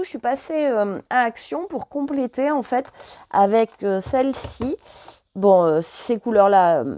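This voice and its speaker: A woman's voice: mid-range voice, mellow, dry recording. A French woman vlogger chatting casually and hesitantly, full of fillers, while showing her purchases. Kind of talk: casual chat.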